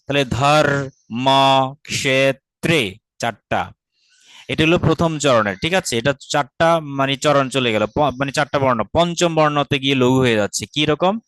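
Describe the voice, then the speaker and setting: A man's voice: mid-range voice, fairly bright tone, smooth, no room sound. Patient man teaching verse grammar. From Bangladesh. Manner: explains patiently, often asks rhetorical questions and checks understanding; slows down to chant verse syllables carefully. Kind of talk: online class lecture.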